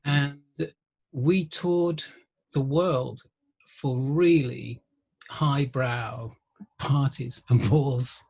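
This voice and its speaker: A middle-aged man, a guest musician and researcher, telling wry anecdotes in an interview, often pausing with ums. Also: medium pitch, steady tone, creaky, a little mellow, slightly rough. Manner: anecdotal, wry, laughs through stories, frequent ums. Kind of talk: conversational interview storytelling.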